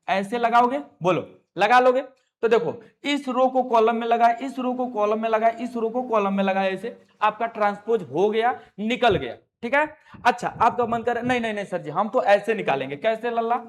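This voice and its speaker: A male maths teacher giving a classroom lesson, coaxing students and repeating his questions back to them. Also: very high voice.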